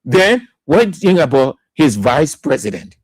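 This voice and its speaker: Liberian male talk radio host, high animated delivery, dry studio sound, hammers key words. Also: moderate pace, husky, no room sound. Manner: emphatic, repeats key words for stress. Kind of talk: political commentary.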